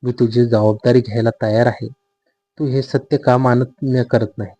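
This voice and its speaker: Brief: a man as a steady, possessive young husband figure in an audio story, calm and insistent, dark husky voice. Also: medium pitch, moderate pace, natural voice.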